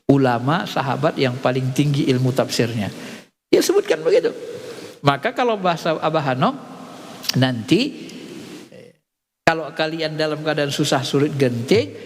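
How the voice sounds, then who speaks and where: Animated male preacher in a reverberant hall. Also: on the high side. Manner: animated storytelling, acting out dialogue. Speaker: religious teacher. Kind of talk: sermon teaching.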